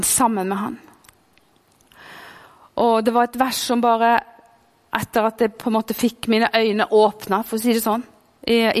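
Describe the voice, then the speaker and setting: A woman preaching a sermon with a mix in her speech, fervent, swinging between loud calls and hushed whispers. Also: fairly high pitch. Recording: long hall reverb.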